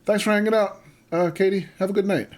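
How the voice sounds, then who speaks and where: During a live game stream, a man casually talks to viewers, reads their messages out, and calls them by name. His high-pitched voice keeps a fairly even intonation at a quick pace.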